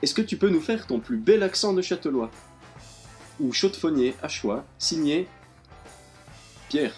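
A man's voice: on the high side, expressive, unhurried, darkish tone, faint music behind. A young man, co-hosting a podcast and leading segments in a teasing casual chat. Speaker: podcast co-host.

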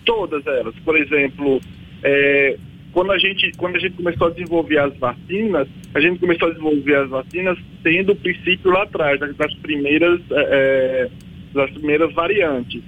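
A man from the backlands of Bahia with a Bahian Brazilian accent and a husky voice, explaining as an expert guest in an informal, emphatic way. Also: on the high side, moderate pace, narrow, tinny audio. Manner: emphatic, colloquial, checks listener understands. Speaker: vaccine researcher, interview guest.

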